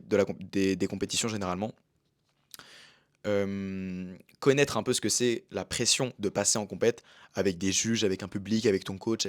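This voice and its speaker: A man's voice: on the low side, no room sound. Young man, casual vlog talk, slangy and rambling, dry close sound. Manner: slangy and rambling, with many fillers. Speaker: vlogger and amateur gymnast. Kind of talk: casual chat.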